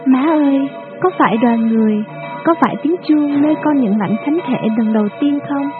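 Woman doing a wounded, gentle young girl. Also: high voice, moderate pace, pitched above the performer's own voice, lightly acted. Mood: weak. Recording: tinny lo-fi with music behind.

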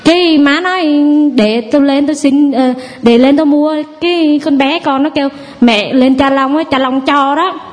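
This audience member's voice sits high, and she talks at normal speed with few pauses. A mother in her thirties, she nervously shares her testimony in a chatty storytelling style, voicing what her family said.

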